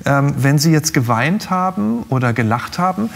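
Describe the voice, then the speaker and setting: In a large TV studio, a middle-aged man hosts a talk show, interviewing guests in a conversational way. He speaks at a moderate pace in a fairly high, gravelly, expressive voice.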